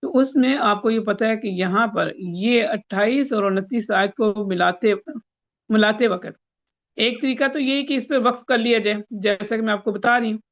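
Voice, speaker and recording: A woman teaching Quran recitation rules in an online lesson, explaining slowly and chanting the Arabic verses. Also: medium pitch, highs cut off.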